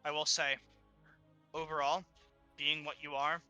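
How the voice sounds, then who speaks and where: Male game master, very bright tone, slightly high voice, halting descriptive narration, music faintly behind. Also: level tone, smooth, muffled recording.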